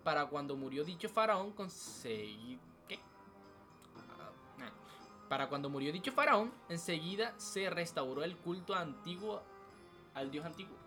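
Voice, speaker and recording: Young guy on a podcast, fairly high voice, stumbling through his notes, faint music behind. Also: expressive, unhurried, pushed and bright. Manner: reads notes aloud with stumbles and asides. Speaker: podcast co-host. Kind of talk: casual podcast chat. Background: faint background music.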